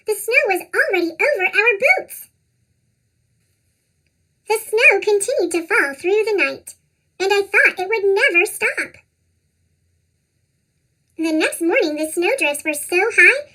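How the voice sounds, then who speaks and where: A storybook narrator reads for children in a squeaky, sped-up-sounding chipmunk cartoon voice. The pitch is extremely high and swings around in a lively, expressive way. The tone is bright and sharp throughout. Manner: animated, expressive read-aloud. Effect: pitched-up chipmunk voice effect.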